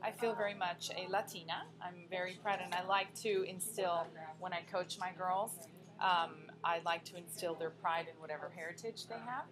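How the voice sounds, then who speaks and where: A young woman from the United States, a pageant coach, talking lively and expressively as a guest at a restaurant table. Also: fairly low pitch, normal speed, crowd noise, low-quality recording. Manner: lively, expressive, laughs often. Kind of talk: casual interview chat. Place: restaurant dining room, indoors.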